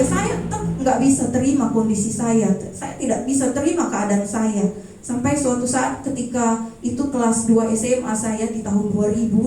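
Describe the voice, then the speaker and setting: A woman's voice: a little high, mellow, slight background noise. A woman in her thirties from North Sumatra giving an earnest personal testimony at a church service. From North Sumatra, Indonesia. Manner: earnest, heartfelt storytelling with quoted prayers. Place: church hall. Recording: very echoey hall, from far off.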